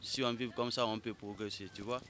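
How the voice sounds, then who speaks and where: Young passerby, bright and forceful voice, impassioned, faint outdoor noise. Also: male voice, lowish voice, steady tone, fairly quick. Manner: outspoken, impassioned. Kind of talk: street interview. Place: outdoors on a city square. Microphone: handheld mic held by interviewer.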